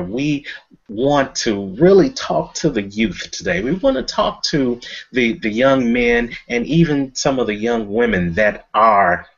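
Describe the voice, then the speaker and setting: A man's voice: fairly low pitch, a bit bright, husky. Emphatic American man hosting, slightly muffled. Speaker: talk show host and coach. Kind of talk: motivational show hosting. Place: indoor room beside banner. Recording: dull lo-fi webcast.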